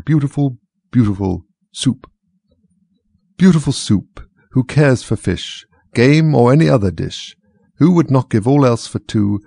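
A man voicing a melancholy male Mock Turtle, singing slowly and mournfully in a choked, sobbing voice. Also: mid-range voice, a little mellow, slightly rough, no echo, clean studio sound. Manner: slow sobbing singing, drawn-out words.

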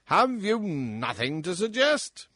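A man's voice: high voice, big pitch swings, slow pace, bright, forceful tone, dry recording, clean studio sound, voice pushed up, full character voice. A man doing a bellowing, cruel tyrant king. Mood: mocking, blustering. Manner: bellowing, mocking, laughs harshly. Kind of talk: storybook reading.

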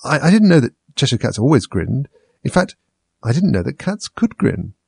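A man's voice: mid-range voice, very animated, moderate pace, gravelly, darkish tone, slightly rough, no room sound, pitched above the performer's own voice, full character voice. A man voicing Alice, a timid, polite young girl who asks earnest questions.

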